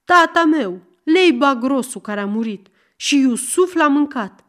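Woman putting on a wailing old merchant man. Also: lively intonation. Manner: wailing, shrill, loud.

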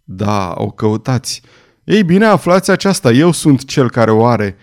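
Brief: man playing an audiobook villain lord, low, hoarse, threatening. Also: big pitch swings, darkish tone, lightly acted. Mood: menacing. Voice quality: thick, hoarse voice. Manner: low, menacing, clipped commands. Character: brutal nobleman villain, cold and commanding.

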